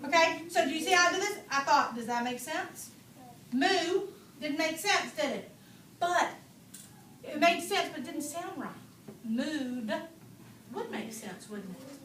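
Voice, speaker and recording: A woman teacher reading a picture book aloud to a class, slow and expressive, asking playful questions. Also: very high-pitched. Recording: echoey classroom from far off, noisy.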